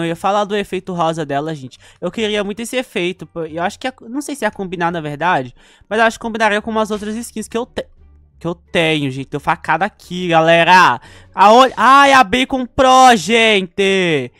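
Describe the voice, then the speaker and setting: Excitable Brazilian young man, dry close sound. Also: high voice, dry recording. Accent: Brazilian Portuguese. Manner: excitable, chatty, dramatic outbursts at the game. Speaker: gaming YouTuber. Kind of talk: live gameplay commentary.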